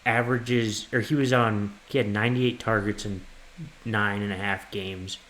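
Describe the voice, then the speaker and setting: A man co-hosting a casual sports podcast, relaxed and agreeable, reeling off player stats. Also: fairly low pitch, moderate pace, slight background noise. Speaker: podcast co-host.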